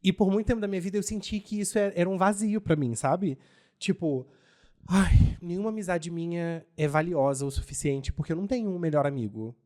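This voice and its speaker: A man co-hosting a podcast, talking in a thoughtful, relaxed and drawn-out way. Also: high-pitched. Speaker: podcast co-host. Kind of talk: casual podcast chat.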